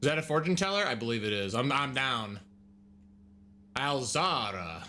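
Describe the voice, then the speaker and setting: Slangy man with very animated pitch. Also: fast talker, a little hiss or hum. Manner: slangy, jokey, swearing. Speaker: let's play host. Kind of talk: casual gaming commentary.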